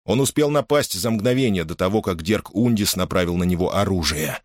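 A man reads a novel aloud in a steady, measured narration. His voice is very deep. The recording is dry, with no room sound. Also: no echo. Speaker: audiobook narrator. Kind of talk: scripted narration of a science fiction novel.

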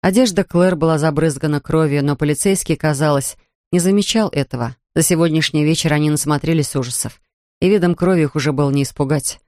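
A tense, measured audiobook narrator. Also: medium pitch, darkish tone, dry recording, clean studio sound.

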